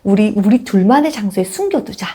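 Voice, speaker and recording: Lively middle-aged woman teaching parents. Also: mid-range voice, a little fast, slightly rough. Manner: asks rhetorical questions and acts out children's lines. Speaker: parenting educator. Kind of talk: casual parenting lecture.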